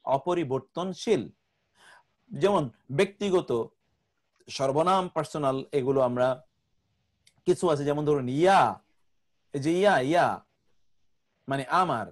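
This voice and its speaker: Higher-voiced man teaching grammar slowly. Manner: patient, repeats word lists slowly for drilling. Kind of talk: online class lecture.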